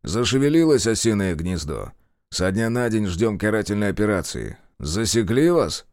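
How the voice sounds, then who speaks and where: A man's voice: on the low side, very animated, moderate pace, darkish tone, no room sound, clean studio sound. A man doing a clipped, ruthless partisan commander. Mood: grim. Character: sharp ruthless male partisan commander, dangerous.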